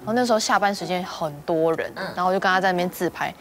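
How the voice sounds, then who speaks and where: A woman's voice: fairly low pitch, rapid-fire, slight background noise. A woman guest on a talk show, telling a story expressively.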